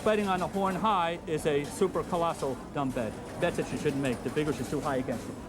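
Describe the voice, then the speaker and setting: A man as a high-voiced craps instructor, on worn VHS tape. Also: fast. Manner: drills odds patiently, checks in with "okay?". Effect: worn VHS tape copy. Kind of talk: instructional video teaching. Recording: music underneath, old tape copy.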